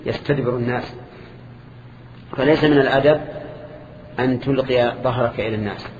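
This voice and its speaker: An older man gives a classical lesson, explaining each phrase in a measured way and putting questions to his students. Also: medium pitch. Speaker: sheikh teaching a hadith lesson. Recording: echoey hall, dull old lo-fi tape with hiss.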